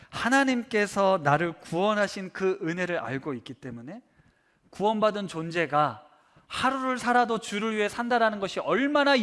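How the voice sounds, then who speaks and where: Lively high-voiced preaching pastor. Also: male voice. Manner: animated preaching, acts out imagined complaints in quotes. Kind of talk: sermon. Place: church hall.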